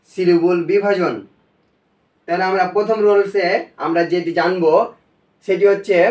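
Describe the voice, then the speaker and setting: A man teaching a recorded video lesson, explaining step by step in a slow, patient way. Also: high voice, darkish tone. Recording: echoey room, voice from a distance.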